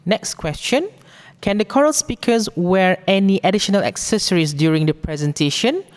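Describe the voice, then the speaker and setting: A woman with a Malaysian accent presents a formal briefing, reading out rules in a deliberate, instructive way. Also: medium pitch, lively intonation, a little mellow. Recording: long echoing hall reverb.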